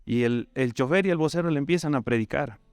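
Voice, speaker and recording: A man's voice: medium pitch, fast talker, smooth, no room sound. A man with a Bolivian accent preaching a sermon. He tells the story conversationally and keeps asking tag questions of his listeners. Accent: Bolivian Spanish.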